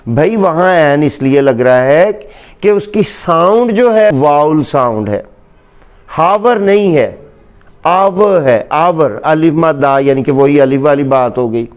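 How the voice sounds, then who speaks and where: Pakistani guy teaching english grammar, patient, repeats stuff slow, asks questions back, smooth clear voice. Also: on the high side, lively intonation, darkish tone. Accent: Pakistani Urdu. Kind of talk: explaining grammar in a lecture.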